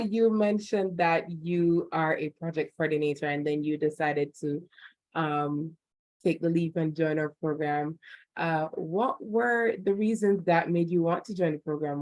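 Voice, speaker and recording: An encouraging woman hosts a video call interview, her voice sitting fairly low. The sound is dry and close, with no room around it, and she asks long, winding questions. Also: measured pace, a little mellow, dry recording, low-quality recording.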